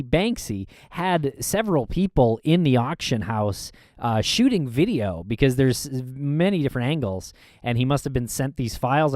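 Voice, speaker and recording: A man's voice: medium pitch, darkish tone, no room sound, studio quality. A man co-hosting a podcast, chatting casually, laughing easily and narrating clips as they play. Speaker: podcast co-host.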